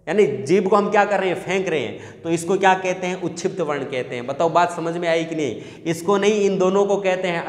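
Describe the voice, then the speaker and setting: A male teacher giving a lecture, asking his students questions and answering them himself. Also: high voice. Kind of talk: classroom lecture. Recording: echoey room with long reverb.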